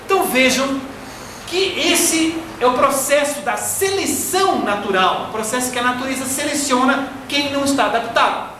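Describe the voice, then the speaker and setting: A man's voice: very high-pitched, expressive, bright, forceful tone. Brazilian man lecturing in an echoey hall. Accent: Brazilian Portuguese. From Florianópolis, Brazil. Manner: didactic, slow and deliberate, fond of diminutives. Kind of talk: spiritist lecture. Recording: echoey hall from far off, faint noise.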